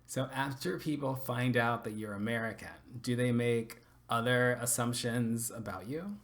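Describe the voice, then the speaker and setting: A man's voice: medium pitch, normal speed. A man hosting a casual podcast interview, asking curious, probing questions. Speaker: podcast host.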